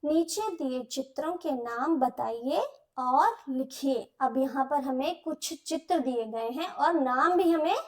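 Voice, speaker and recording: Woman teacher, high voice, unhurried, sounds out syllables for young kids. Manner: slow, syllable-by-syllable explanations to young children. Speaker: primary school Hindi teacher. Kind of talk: lesson.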